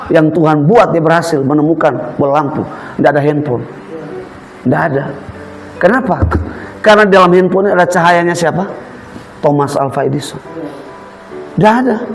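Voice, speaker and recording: High-voiced pastor preaching. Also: male voice. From Eastern Indonesia. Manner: lively, humorous storytelling with mimicked voices. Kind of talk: sermon.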